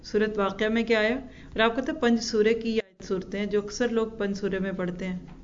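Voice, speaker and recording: A woman gives a religious lesson and keeps putting rhetorical questions to her listeners. She slows down to recite Arabic verses with care. The recording sounds a little dull and lo-fi. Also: medium pitch, fairly even intonation, slight background noise. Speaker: Quran teacher.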